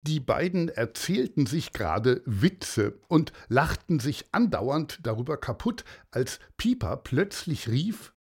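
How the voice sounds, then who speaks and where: A storyteller reading a children's story aloud with an expressive delivery. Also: mid-range voice, takes it slowly, hardly any pauses, husky.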